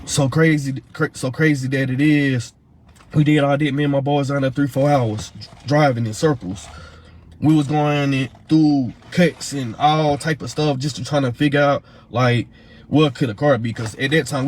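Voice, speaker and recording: A man's voice: mid-range voice, steady tone, a little mellow, slight background noise. Heated man telling his story. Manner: fast, heated retelling full of fillers and repeats. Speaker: father of a missing woman's child. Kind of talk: casual storytelling.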